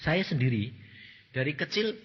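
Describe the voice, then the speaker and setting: A man with a Javanese accent preaching a sermon as a pastor, animated and firing questions at the congregation. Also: a little high, normal speed, slightly rough, big-room sound, muffled recording.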